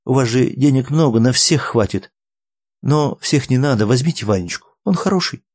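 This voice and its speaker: A man's voice: mid-range voice, animated, normal speed, a little mellow, no echo, clean studio sound, close to an everyday voice. A man voicing a frantic middle-aged woman who runs an orphanage, chattering and pleading.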